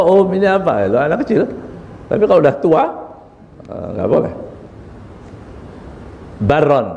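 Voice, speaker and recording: A man's voice: medium pitch, darkish tone, in a large hall, dull audio, a little hiss or hum. A man, a religious teacher, giving a chatty study sermon in a prayer room, laughing often and acting out little quoted exchanges. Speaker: ustadz teaching a book on character.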